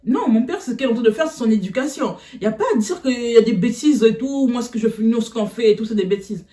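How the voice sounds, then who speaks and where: High-voiced woman telling a story. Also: fast talker. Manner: animated, laughs often while telling. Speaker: vlogger. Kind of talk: casual storytime. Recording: echoey room.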